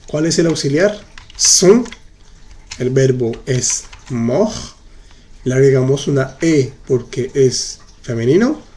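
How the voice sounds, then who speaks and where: A man's voice: medium pitch, mellow. A man teaching in during a live online class, patiently repeating examples and answering viewers' chat questions. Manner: patient, explains slowly and repeats. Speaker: French teacher.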